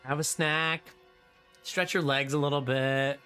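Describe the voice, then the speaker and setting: A man gives casual live game commentary in a bright, forward voice. He is unhurried and dryly sarcastic, joking along, with some music behind him. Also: a little high, fairly even intonation, clear, resonant tone. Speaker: game streamer.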